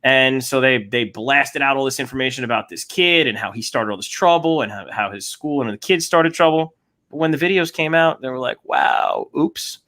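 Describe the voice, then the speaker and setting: A man co-hosting a casual podcast chat, animated and joking. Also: medium pitch, fairly quick. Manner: animated, joking, puts on silly voices. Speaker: podcast co-host.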